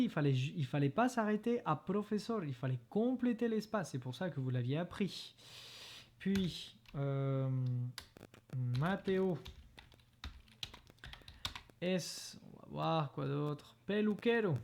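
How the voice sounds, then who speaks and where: A man's voice: fairly high pitch, a little mellow, slight background noise. A man teaching a recorded lesson, patiently correcting exercises and repeating each vocabulary word. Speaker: Spanish teacher. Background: keyboard typing and clicks.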